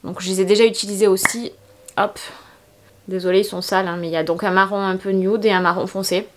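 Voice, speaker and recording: A woman's voice: medium pitch, steady tone, fast, background noise. A tired young woman, chatting casually through a get-ready-with-me vlog in her bedroom, rambling with many fillers. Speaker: beauty vlogger.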